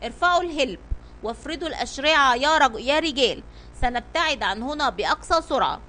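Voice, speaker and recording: A woman's voice: high-pitched, expressive, fast talker, pushed and bright. A woman voicing a brave male sea captain in a storybook, speaking with tense command.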